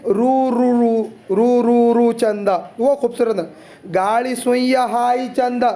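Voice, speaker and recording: A man teaches a poem to his students in a very high voice. He walks through it line by line, chatty and loose, and breaks off for side remarks. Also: darkish tone. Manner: chatty, explains line by line with asides.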